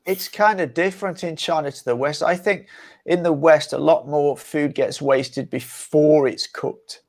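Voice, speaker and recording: A man's voice: a little high, fairly even intonation, measured pace, a little mellow. A man speaking as a panelist in a casual discussion, offering conversational, tentative observations.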